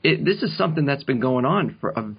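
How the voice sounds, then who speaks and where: A man co-hosting a comedic podcast, deadpan and halting, with slow absurd asides. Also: medium pitch. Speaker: podcast co-host. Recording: lo-fi podcast recording.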